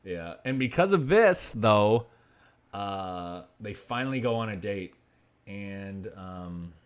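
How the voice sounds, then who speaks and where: Deep-voiced rambling podcast guy. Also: expressive, takes it slowly, clear, resonant tone. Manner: rambling retelling full of "like". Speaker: podcast co-host. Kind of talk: casual chat reviewing a film.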